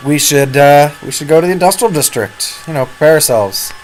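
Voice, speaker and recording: A man's voice: on the high side, a little fast, slight background noise. A man giving casual, rambling commentary on a role-playing game, his throat sore and prone to coughs. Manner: chatty, rambling, self-correcting. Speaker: let's-play host. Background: game music.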